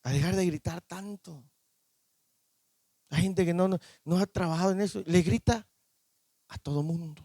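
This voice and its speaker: High-voiced male preacher, dry sound. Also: moderate pace, pauses often, dark tone, no echo. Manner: preaching with call-and-response questions to the congregation. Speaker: pastor. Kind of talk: sermon. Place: church.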